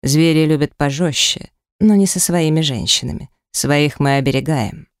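A woman narrator puts on a dominant male beast shifter from a romance audiobook. He speaks slowly and commandingly with a mocking sneer. The voice stays smooth and is recorded close and dry. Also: sits low, no echo.

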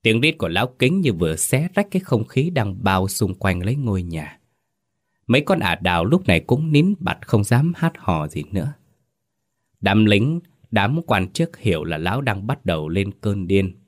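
A man's voice: fairly low pitch, very animated, normal speed, dry recording, clean studio sound. A man giving dramatic, scripted narration of a horror story.

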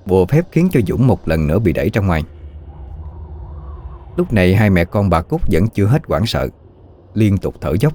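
A man narrating a horror story in a measured, even way. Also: sits low. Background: faint music.

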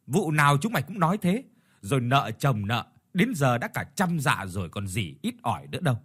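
A man playing a cruel, shouting landlord. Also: mid-range voice, sing-song, brisk, breathy edge. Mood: furious. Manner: shouting, hissing threats. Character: cruel bullying rich landlord, man, hot-tempered.

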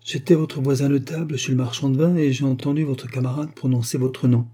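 A man's voice: mid-range voice, steady tone, brisk, dark tone, husky, voice pushed up, close to an everyday voice. A man reading an audiobook and voicing a polite, scheming middle-aged male manservant who speaks in a formal, composed way. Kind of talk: audiobook character voice.

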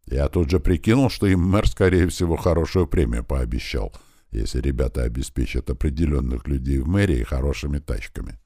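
Very deep-voiced male audiobook narrator. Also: lively intonation, brisk, warm tone, dry recording, studio quality. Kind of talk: first-person audiobook narration.

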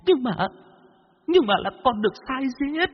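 A man's voice: extremely high pitch, lively intonation, measured pace, long reverb tail, highs cut off, pitched above the performer's own voice, exaggerated voice. A man voicing the ghost of an old man that stammers and begs while possessing a body. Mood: cowering pleading. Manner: whimpering, stammering, begging.

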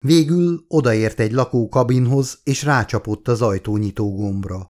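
A man narrating his own book aloud at a mid-range pitch. His reading is steady and measured, with even, deliberate phrasing. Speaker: audiobook narrator and author. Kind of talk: scripted narration.

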